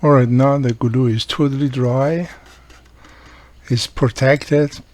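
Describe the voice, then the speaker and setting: A radio repair hobbyist, a man who isn't a native English speaker, walks viewers through a hands-on repair step by step in an unscripted tutorial, frequently checking in with them. His medium-pitched voice is steady, slow and a little mellow.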